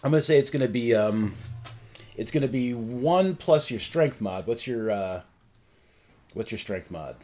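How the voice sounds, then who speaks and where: A man narrating a tabletop game as game master, casual and halting as he thinks aloud. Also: medium pitch, expressive, mellow, faint music behind.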